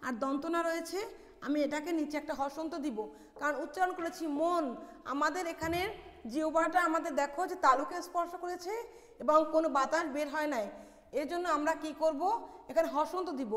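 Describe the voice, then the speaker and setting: A woman's voice: high-pitched, fairly even intonation, brisk, a bit bright. A woman from Bangladesh teaching a college lesson on pronunciation, explaining step by step and answering her own questions. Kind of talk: classroom lecture on pronunciation. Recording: echoey hall with long reverb.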